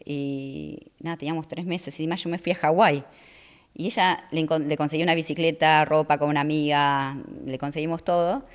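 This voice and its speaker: Woman, middle-aged, soft-spoken, hesitant, casual interview guest. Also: sits low, steady tone, fairly quick. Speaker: guest athlete.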